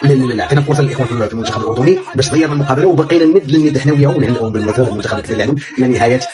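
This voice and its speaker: A man with a Moroccan accent commenting on a football win, talking rapidly and laughing often. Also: mid-range voice, over music. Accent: Moroccan Arabic. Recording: crowd noise behind.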